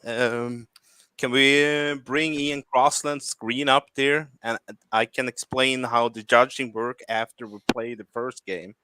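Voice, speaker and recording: A man with a Swedish accent hosting a game jam livestream in a relaxed, easygoing way, with plenty of "uh" and "um". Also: mid-range voice, slight background noise. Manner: easygoing, fills pauses with "uh" and "um". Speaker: game jam organizer and host. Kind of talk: casual livestream talk.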